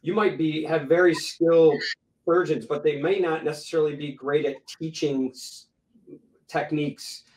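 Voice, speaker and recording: A man's voice: a little high, steady tone, normal speed, darkish tone, reverberant, recorded from a distance, low-quality recording. A man moderating a medical panel discussion, explaining terms plainly and making joking asides.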